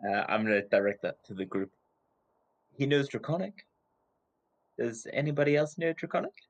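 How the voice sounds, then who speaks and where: A man's voice: mid-range voice, animated, moderate pace. A man playing a tabletop role-playing game, casually chatting and describing what his character does.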